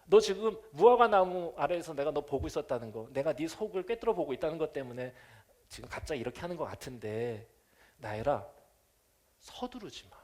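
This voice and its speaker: A man acting out a gentle, patient male teacher who softly consoles a disciple, in a hushed, tender voice. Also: on the high side, big pitch swings, a little fast, voice pushed down. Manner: hushed, soft-spoken, tender.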